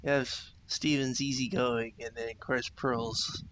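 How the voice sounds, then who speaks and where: Male co-host, relaxed and giggly, very slow delivery, faint hiss. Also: medium pitch. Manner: laughs often, relaxed. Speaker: podcast co-host. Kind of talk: casual fan discussion.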